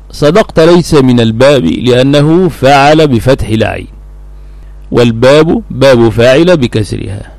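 Male sheikh, lesson reader; measured, unhurried, repeats key words; mid-pitched, dry. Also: darkish tone, no room sound. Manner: deliberate, repeats words slowly for emphasis. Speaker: sheikh teaching a text. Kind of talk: recorded lesson explaining a classical text.

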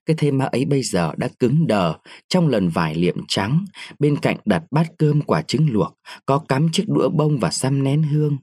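Expressive male storyteller, dry sound. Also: mid-range voice, normal speed, husky, no echo. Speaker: story reader. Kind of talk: reading a short story aloud.

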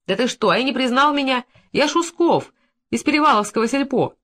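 A narrator voicing an excitable village shopkeeper man who raises his voice and repeats himself, in an audiobook reading. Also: high-pitched, brisk, pitched above the performer's own voice. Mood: alarmed. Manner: shouts breathlessly, repeats himself.

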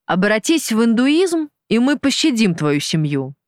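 A reader voices a cruel, mocking male gang boss for an audiobook. He taunts and threatens in a false, friendly way, his voice pitched up and pushed loud. The recording is dry and close. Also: very animated, unhurried, no echo. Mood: commanding. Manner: sneering, taunting, falsely genial. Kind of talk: audiobook character voice.

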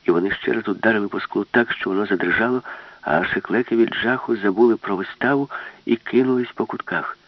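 Husky-voiced man reading a children's sci-fi tale. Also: lowish voice, a little fast, no room sound. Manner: lively, expressive reading. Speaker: narrator. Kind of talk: audiobook narration. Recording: dull, lo-fi, dry.

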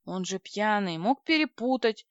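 A woman reading an audiobook voices a gruff, sarcastic young male officer who grumbles curtly, on a dry, slightly dull recording. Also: medium pitch, animated, measured pace, dry recording, lightly acted. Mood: grumbling.

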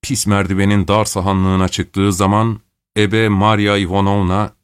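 Man reading a story out loud, lowish voice, dry close sound, calm steady delivery. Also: clear, resonant tone, no echo. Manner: calm, measured reading; raises pitch for female characters' quoted lines. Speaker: audiobook narrator. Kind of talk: scripted literary narration.

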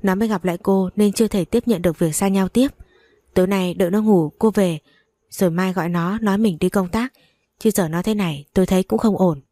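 A woman's voice: mid-range voice, a little fast, dark tone, dry recording, clean studio sound, lightly acted. A woman reading the lines of a father who speaks in short, blunt orders. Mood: curt. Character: grown man, a father, blunt and curt.

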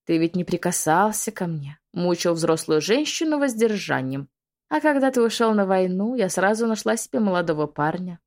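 A woman playing a spiteful witch, high, mocking, hissing, audiobook villainess. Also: animated, moderate pace, a little mellow. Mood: taunting. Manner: hissing, taunting. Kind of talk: audiobook reading.

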